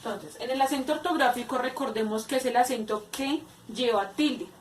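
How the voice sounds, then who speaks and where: Woman teacher, fairly high voice, hesitant step-by-step explaining, roomy echo, off-mic. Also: slight background noise. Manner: explains slowly with many hesitations and repeats. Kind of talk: spoken grammar lesson. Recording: echoey room, far from mic.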